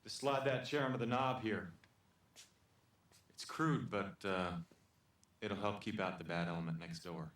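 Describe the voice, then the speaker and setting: Tough biker hero, lowish voice, cocky, slangy, stubborn, TV action drama. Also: male voice, a little slow, pauses often, fairly bright tone. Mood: calm.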